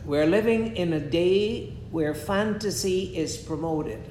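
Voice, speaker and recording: A man, preaching in short measured phrases and pausing after each one for an interpreter. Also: darkish tone. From Guyana. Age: 70s. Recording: echoey room with a faint rumble.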